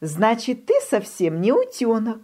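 Woman doing a bossy know-it-all hare from a kids storybook, quick and scolding, lively voice. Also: fairly high pitch, pitched above the performer's own voice, full character voice. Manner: brisk, scolding. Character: fussy, sensible forest hare, grown male.

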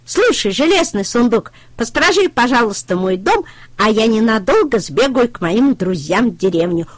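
A woman voicing a small bossy red puppy in a storybook reading, speaking high and yappy. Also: very animated, moderate pace, no echo. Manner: high, yapping.

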